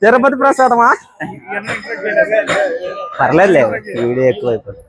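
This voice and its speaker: Male street vlogger, high and lively, all jokes and loud exclamations. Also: moderate pace, crowd noise. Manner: teasing, jokey, exclaims loudly. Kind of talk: playful street banter. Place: tea stall.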